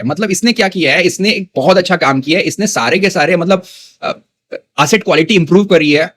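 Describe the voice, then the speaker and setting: A man's voice: sits high, a bit bright. A man explaining bank stock analysis to viewers in a casual teaching style, dropping finance terms into his talk and often checking that viewers follow. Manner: conversational teaching, mixing English terms, frequent "ठीक है ना" check-ins. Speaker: stock market educator.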